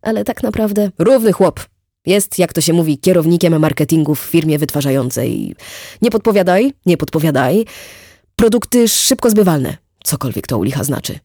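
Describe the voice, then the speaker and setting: Brash talkative neighbor guy , a reader puts him on, raised pitch, gravelly edge, close dry sound. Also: moderate pace, dry recording. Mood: boisterous. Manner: excitable, keeps tagging questions onto sentences. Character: loud chatty middle-aged neighbor man, boastful. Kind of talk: audiobook character voice.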